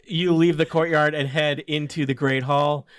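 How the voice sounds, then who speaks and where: A man runs a tabletop game as game master, improvising his narration. He pauses mid-sentence as he works out each description. The sound is dry, with very little room in it. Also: on the high side, steady tone, dry recording.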